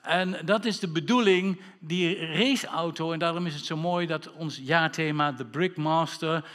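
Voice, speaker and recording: A man leads a church sermon as its pastor. His voice sits a little high and stays lively, full of wordplay and calls for amen. The recording carries the long reverb of a church hall. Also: a little slow.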